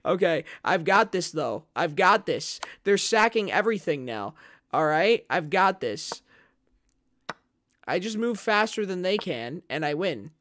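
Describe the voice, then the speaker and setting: A man streaming live and rambling excitedly at his chat, swinging from loud hype to low muttering. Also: measured pace. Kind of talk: live gameplay commentary to chat.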